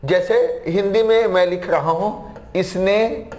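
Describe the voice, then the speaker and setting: A man's voice: high voice, takes it slowly, darkish tone, reverberant. A man teaching a grammar lesson, repeating key phrases and examples and reading sentences out word by word. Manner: reads English sentences word by word.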